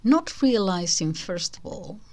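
This older Spanish-accented woman chats loosely to her online audience as channel host, her medium pitch swinging widely as she goes a little slowly. She keeps restarting and correcting herself, often lowering to a soft whisper for asides.

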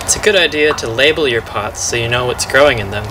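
A man's voice: mid-range voice, fast talker, over music. A young man, a farm educator, walking through planting steps in a playful, upbeat teaching manner. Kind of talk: instructional demonstration.

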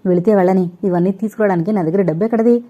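A woman's voice: mid-range voice, brisk, dark tone, lightly acted. A woman voicing an irritable middle-aged husband who answers curtly, in a slightly dull recording. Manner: irritable, curt.

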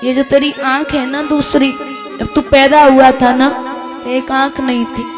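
A woman's voice: high-pitched, little pitch movement, unhurried. A woman storyteller voicing a devoted, pleading poor old mother, with music playing behind. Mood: tender. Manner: pleading, tender.

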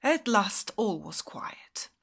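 Slow, animated woman reading a storybook. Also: mid-range voice, vocal fry, husky. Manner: slow, expressive, drops to whispers for effect. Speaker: teacher. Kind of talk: reading a picture book aloud to children.

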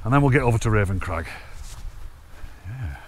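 Walking along fells and woodland trails, a hiking vlogger in his thirties chats into a handheld camera at arm's length in an animated, lowish voice at normal speed. Enthusiastic and talkative, he chuckles to himself as he goes. Faint outdoor ambience and a slight hiss or hum sit behind his casual commentary.

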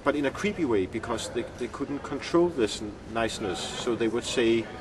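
A man's voice: medium pitch, animated, background noise. Danish-accented man, recorded a little far off. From Denmark. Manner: halting, searching for words. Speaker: filmmaker being interviewed. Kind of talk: reflective interview answers. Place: outdoor courtyard among glass buildings. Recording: distant mic outdoors, urban bustle behind.

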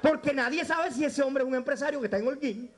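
A stand-up comedian with a Cuban accent works the crowd live in a nightclub, brashly teasing the audience and slipping into broken English. His male voice is extremely high-pitched, and he talks fast.

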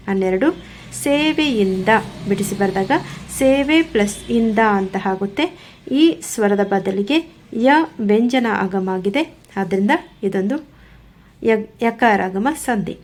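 A woman's voice: medium pitch, a little mellow. A woman teaching a grammar lesson, going through examples one by one in a methodical, repetitive way. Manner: slow, methodical, repetitive explaining.

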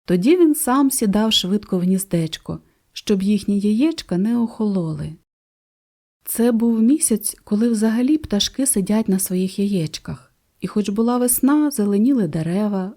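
A woman narrating a fairy tale audiobook for children in a gentle, expressive way. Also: medium pitch, normal speed. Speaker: storyteller.

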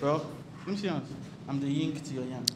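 A man on a dating game, earnest and soft-spoken, asking questions. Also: mid-range voice, quick pace, a crowd in the background. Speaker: contestant. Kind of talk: casual chat.

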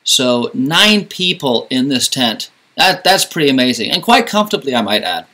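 A man's voice: mid-range voice, very animated, normal speed, sharp tone. A man in his thirties walking through his camping gear outdoors, with dry joking asides. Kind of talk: casual gear walkthrough. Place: outdoors in a driveway and at a campsite.

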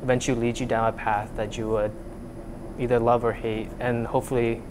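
Explaining his research in a university lab, a young Vietnamese undergraduate speaks a little fast in a mid-range voice with little pitch movement. The casual interview is captured on a lapel mic against a noisy background, and he hesitates with many fillers and restarts.

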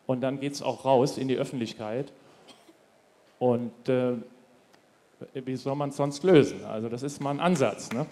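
A man on a panel talks in a loose, rambling way, his voice dark and mellow. The sound rings with long reverb through a large hall. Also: medium pitch, a little slow, long pauses, slight background noise. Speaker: panel guest. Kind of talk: panel discussion.

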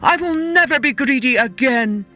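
A woman voicing an excitable storybook king, exclaiming dramatically. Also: medium pitch, takes it slowly, faint music behind. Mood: pleading. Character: King Midas, excitable greedy king turned desperate father.

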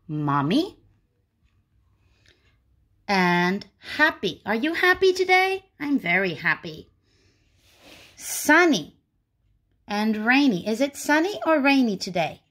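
A woman teaching a phonics lesson to young children, with slow, carefully enunciated words and sing-song greetings. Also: mid-range voice, a bit bright.

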